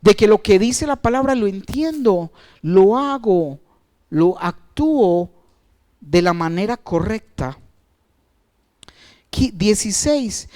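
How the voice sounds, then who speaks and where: A male pastor preaching a sermon, asking the congregation questions, stretching out key words and letting his phrases fall away quietly. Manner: asks the congregation questions and answers them; wide swings of pitch and loudness, trailing off at phrase ends.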